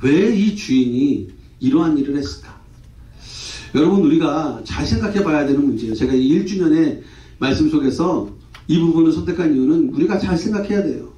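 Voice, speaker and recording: High-voiced pastor in an echoey hall. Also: male voice. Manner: lively, asks the congregation rhetorical questions, playful. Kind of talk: sermon. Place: church hall. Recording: echoey church hall, distant muffled mic.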